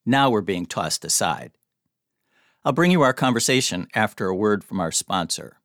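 A man hosting a podcast, reading intros and asking interview questions in a measured, polite way. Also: fairly low pitch, expressive, a bit bright, no echo. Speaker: podcast host, editor.

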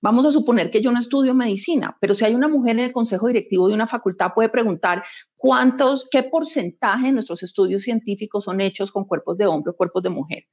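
A woman's voice: a little high, quick pace, darkish tone. Emphatic woman executive. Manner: emphatic, anecdotal, rhetorical questions. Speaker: executive guest. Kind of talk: conversational interview.

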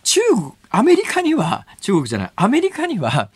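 A man's voice: sits high, wildly swooping pitch, normal speed, breathy edge, no room sound. A male radio host explaining the news in a blunt, sardonic way, with casual asides, in a studio. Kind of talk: news commentary on talk radio.

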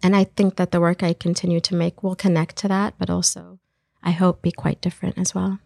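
A woman's voice: lowish voice, little pitch movement, fairly quick, creaky, warm tone, dry recording, studio quality. A woman filmmaker talking thoughtfully in an interview, searching for her words as she reflects on her work. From Iraq. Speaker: filmmaker guest.

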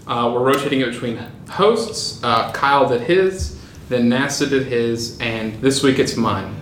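A man's voice: medium pitch, a little slow, a bit bright. A man hosting a casual podcast, rambling along with many fillers and chuckles. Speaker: podcast host. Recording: echoey room with faint noise.

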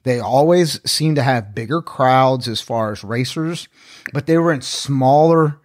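A man's voice: mid-range voice, unhurried, no room sound, studio quality. A man co-hosting a podcast in casual chat, working through his points step by step and readily agreeing. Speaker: podcast co-host.

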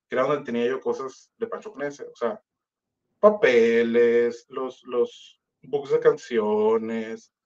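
Animated Mexican man with a muffled sound. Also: medium pitch. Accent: Mexican Spanish. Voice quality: slangy, animated, acts out quoted voices. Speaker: musician telling his story. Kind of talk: casual storytelling.

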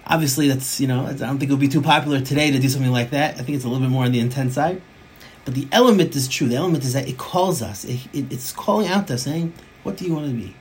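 A man giving a Torah class from his home office, talking in an animated way, restarting phrases and mixing in Hebrew terms. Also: mid-range voice, rapid-fire, a little hiss or hum, poor audio.

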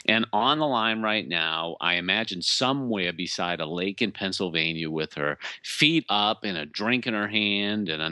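A chatty radio host with a thick Boston accent, teasing his guests as he talks. His voice sits on the lower side, with a bright, forceful edge. The recording is dry and close. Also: no room sound. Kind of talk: casual chat interview.

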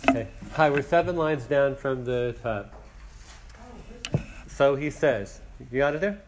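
A man leads a classroom study session in a mid-range voice, pausing to translate phrases and count down lines for his students. A faint noise sits under the recording. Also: mid-range voice, expressive. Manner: explains slowly, translating and counting lines aloud. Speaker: Torah class teacher. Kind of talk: teaching a text class.

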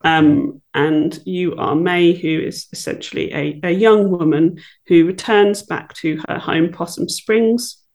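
A woman's voice: lowish voice, slow, few pauses, a little mellow. A woman guest on a casual podcast who talks enthusiastically and bluntly and laughs easily.

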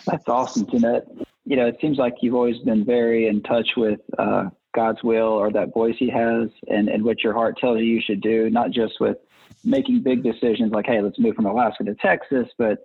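A man's voice: medium pitch, level tone, moderate pace, breathy edge, no room sound. A man co-hosting a podcast, asking earnest, rambling questions with many restarts. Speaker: podcast co-host. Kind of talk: casual interview questions. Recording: tinny phone-like dry sound.

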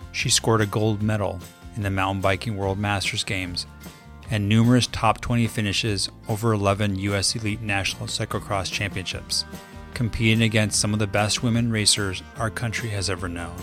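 Low-voiced male podcast host. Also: fairly even intonation, fairly bright tone. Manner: measured and formal when reading. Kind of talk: scripted podcast intro and interview questions. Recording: faint music behind the intro.

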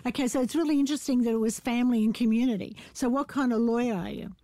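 A woman's voice: a little high, steady tone, very fast, mellow. An Australian woman chatting as a dream interpreter on live call-in radio, effusive and encouraging.

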